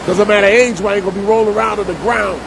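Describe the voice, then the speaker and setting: A man's voice: steady tone, very fast, vocal fry. A middle-aged man from Jersey City, telling his life story in a casual vlog monologue, full of street slang and repetition. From Jersey City, New Jersey. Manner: streetwise slang, repeats himself for emphasis. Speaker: vlogger and preacher. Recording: loud rumbling noise behind voice.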